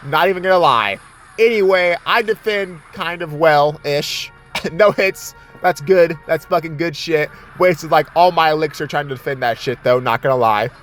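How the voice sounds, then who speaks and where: A man's voice: a little high, moderate pace, a bit bright, faint music behind. A young man giving casual, profane gameplay commentary, trash-talking his opponent with laughing asides. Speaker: gaming commentator.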